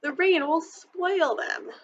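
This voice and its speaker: Woman reading as a stubborn little girl, high wailing voice, storybook, dull lo-fi sound. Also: wildly swooping pitch, normal speed, fairly bright tone, slight background noise, heavily acted. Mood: insistent.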